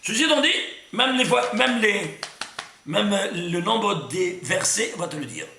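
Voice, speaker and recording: A man teaching a Torah lesson in an echoey room, his voice high and bright with a gravelly edge. He talks in an emphatic rush, stumbling over restarts and stopping to ask whether the class is following. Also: a little slow, crowd noise. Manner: lively and emphatic, full of restarts, asks "C'est clair?" often.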